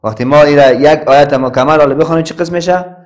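A man with an Afghan Dari accent teaching a Quran class, spelling out letters and vowels slowly and chanting the verses. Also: fairly high pitch. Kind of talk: classroom recitation lesson.

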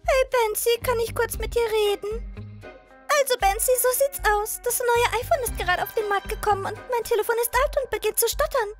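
A woman's voice: very high-pitched, brisk. A woman voicing a spoiled, demanding teenage schoolgirl in a cartoon dub, whining and wheedling. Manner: whiny, wheedling. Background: light background music.

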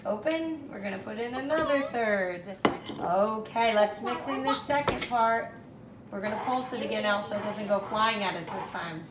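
At a moderate pace and in a mid-range voice, a woman in her thirties casually directs her young children through each step, encouraging them with regular check-in questions. The setting is an indoor home kitchen or dining room, recorded in an echoey space with clear background noise.

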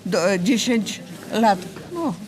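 A woman's voice: mid-range voice, lively intonation, slow pace. An old woman in her seventies speaking in a casual interview, polite but insistent, with a folksy manner. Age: 70s. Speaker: interviewee, retired grandmother.

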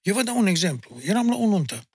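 A middle-aged man with a Maramureș Romanian accent, chatting as a podcast guest in a blunt, animated, storytelling way. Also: high voice, breathy edge, no echo. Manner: animated storyteller, addressing the host bluntly with "mă" and "domne"; insistent, emphatic. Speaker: guest, folk singer and music teacher. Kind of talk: casual podcast conversation.

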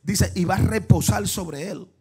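A man preaching a fervent sermon, dropping to hushed asides and then breaking into shouts while he quizzes the congregation. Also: sits high, unhurried, husky. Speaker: pastor. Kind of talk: lively Pentecostal sermon.

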